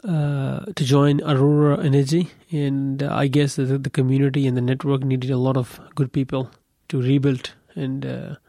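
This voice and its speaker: A man's voice: mid-range voice, level tone, moderate pace, few pauses, mellow, no room sound. A young man from Pakistan, a guest on a radio studio interview, speaking hesitantly with many fillers.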